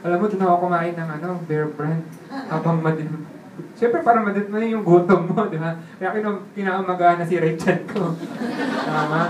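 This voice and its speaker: A man telling his life story in a casual way, laughing often and checking in with the listener through quick tag questions. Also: high-pitched, slight background noise. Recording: roomy sound from a distant mic with faint ambience.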